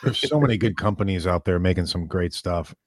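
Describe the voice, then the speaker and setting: A man hosting a casual podcast, relaxed and agreeable, reading listener questions aloud. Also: low-pitched, a little fast, no room sound, clean studio sound. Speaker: podcast host.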